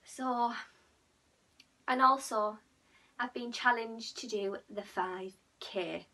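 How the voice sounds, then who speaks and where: A woman's voice: fairly high pitch, takes it slowly, sharp tone. A young woman with a Teesside accent, vlogging in casual, chatty talk that is full of "like" and "you know what I mean". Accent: Teesside (Middlesbrough). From Middlesbrough, England. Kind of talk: casual chat to camera.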